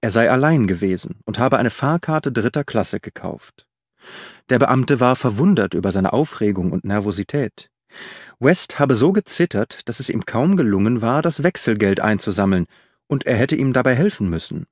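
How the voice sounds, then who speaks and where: Man reading an audiobook, animated voice, dead dry studio sound. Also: mid-range voice, normal speed, no room sound. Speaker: audiobook narrator. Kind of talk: scripted audiobook narration.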